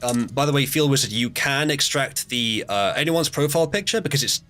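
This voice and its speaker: A man's voice: mid-range voice, animated, fairly quick, bright, forceful tone, soft background music. A man hosting a live stream, chatting casually with fillers and restarts and reading out game turns.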